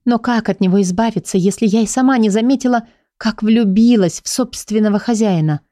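A woman reads a first-person fantasy audiobook in an even storytelling manner. Her tone is dark and mellow. The recording is dry, with no room sound. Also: medium pitch, a little fast, no room sound. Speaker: audiobook narrator.

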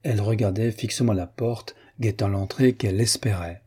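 A man reading a classic novel aloud as an audiobook narrator. His voice is low and husky, with a dark, mellow tone. He keeps a measured, even pace.

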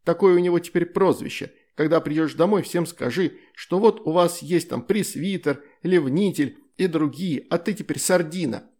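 A man voicing a bold, bossy little girl in an audiobook story, with shrill excited outbursts. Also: normal speed, few pauses, natural voice. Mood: brash excited.

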